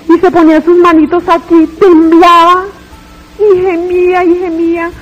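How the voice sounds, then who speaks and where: A woman's voice: very high-pitched, rough recording. A woman giving a dramatic, tearful religious testimony, retelling her story with fervor.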